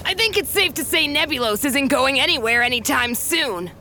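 A woman voicing a bold, plucky young hero in an animated adventure. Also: sits high, moderate pace, loud music behind the voice. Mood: matter-of-fact. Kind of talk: animated adventure cartoon acting.

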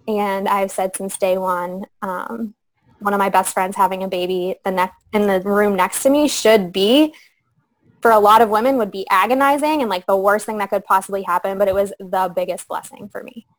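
A young woman guest on a podcast interview, speaking softly and reflectively with frequent pauses and fillers. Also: medium pitch, fairly even intonation, poor audio. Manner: soft, reflective, many fillers. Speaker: guest sharing her story. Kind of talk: conversational interview.

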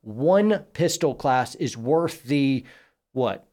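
A man's voice: medium pitch, animated, very slow, darkish tone. A man in his forties hosting a casual podcast chat, talking in a blunt, folksy and emphatic way. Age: 40s. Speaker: podcast host.

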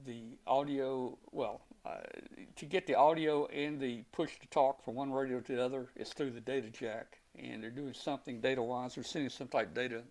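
A guest ham radio operator, out of breath, chats casually on a live show, rambling through technical details with plenty of restarts. His mid-range voice is steady and a little mellow, at normal speed with hardly any pauses.

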